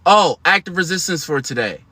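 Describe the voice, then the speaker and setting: Man, thirties, livestream host, slangy and emphatic, bright voice, dry close sound. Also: a little high, expressive, brisk, dry recording. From United States. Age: 30s. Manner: slangy, emphatic, chatty with laughs. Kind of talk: casual livestream talk to viewers.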